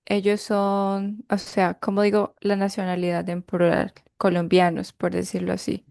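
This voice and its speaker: A woman's voice: mid-range voice, completely flat delivery, moderate pace, creaky, darkish tone, no room sound, clean studio sound. A woman student hesitantly asking her teacher a question in class.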